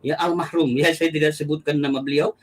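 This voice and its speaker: A middle-aged man from Aceh with an Acehnese accent tinged by Medan and eastern Indonesian speech, giving an emotional personal testimony that swings from low murmurs to high cries. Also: level tone, a little fast. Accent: Acehnese with Medan and eastern Indonesian traces. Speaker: testimony guest.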